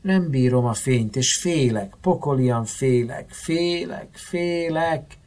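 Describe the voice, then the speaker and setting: A husky-voiced man reading a novel aloud, voicing a frightened hysterical woman patient who shrieks and pleads in the dark. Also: medium pitch, animated, natural voice. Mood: terrified. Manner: shrieking, panicked, whimpering.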